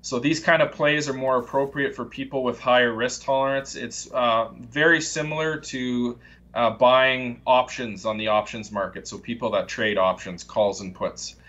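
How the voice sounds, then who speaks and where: A man on a live investing show, calmly explaining trading ideas step by step with frequent fillers. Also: mid-range voice, normal speed, lo-fi sound. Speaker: market commentator. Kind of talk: casual explanatory chat.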